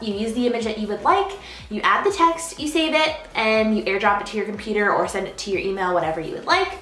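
A woman's voice: a little high, a bit bright. A bubbly young woman YouTuber giving a casual, chatty how-to talk to camera, with lots of ums and "super simple". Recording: echoey room.

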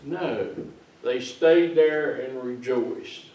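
Here a pastor, an older man, sits with the kids in a small church and gives them a playful, homespun sermon. His medium-pitched voice is warm and extremely slow. The audio has a spacious, far-off church quality, captured by a camera mic at a distance.

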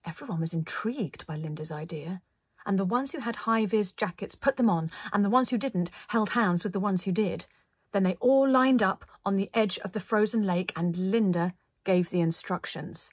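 A woman reading a children's story aloud in a gentle, playful way. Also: medium pitch, lively intonation, normal speed, breathy edge, no echo, studio quality.

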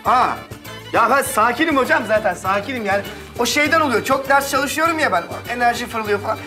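An actor playing a boastful, dramatic young drama student in a sitcom. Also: male voice, very high voice, brisk, over music. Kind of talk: sitcom acting.

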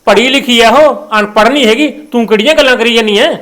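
A man's voice: very high voice, fast talker, fairly bright tone. A Punjabi-accented man in a comic family drama sketch, worried and grumbling.

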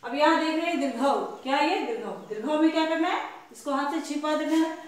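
A woman's voice: high-pitched, quick pace, heavy reverb. A woman teaching young children, asking each question and then answering it herself. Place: classroom.

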